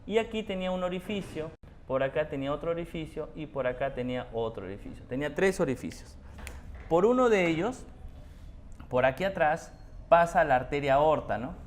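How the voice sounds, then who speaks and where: A man's voice: fairly high pitch, lively intonation, fairly quick, a little hiss or hum. A man teaching an anatomy class, patiently repeating key terms and asking rhetorical questions. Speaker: anatomy tutor. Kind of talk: explanatory class lecture.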